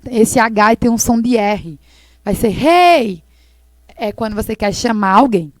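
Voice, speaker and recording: A woman English teacher explaining slowly and patiently, repeating words for her students in a recorded lesson. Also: medium pitch, fairly even intonation, a little mellow, dry recording.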